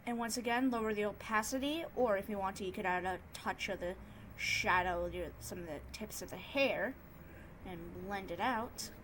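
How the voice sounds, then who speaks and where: A woman narrating an improvised tutorial in a casual, subdued and somewhat monotone way. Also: medium pitch, moderate pace, slight background noise, low-quality recording. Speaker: tutorial host, digital artist.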